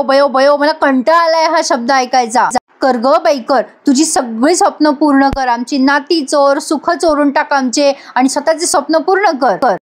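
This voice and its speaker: Woman reading an angry college girl, high voice, bitter and accusing. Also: lightly acted.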